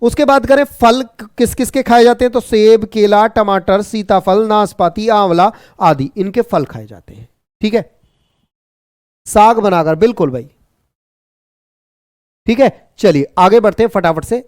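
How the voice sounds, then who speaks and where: A man teaching an online exam-prep class, brisk and repetitive, teasing and jokingly scolding his students. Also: sits high, a little mellow, clear, resonant tone, no echo, studio quality.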